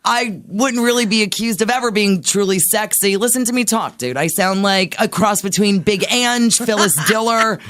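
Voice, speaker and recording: A woman's voice: medium pitch, normal speed, few pauses, fairly bright tone. A woman hosting a satellite radio talk show, chatting in a brash, profane, self-mocking way at a studio mic. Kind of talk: raunchy casual radio chat.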